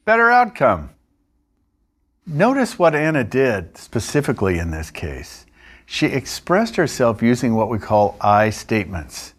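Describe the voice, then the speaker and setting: A male instructor narrating a training lesson in a measured, explanatory way. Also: medium pitch, huge pitch swings, breathy edge. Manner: measured, explanatory, with occasional restarts.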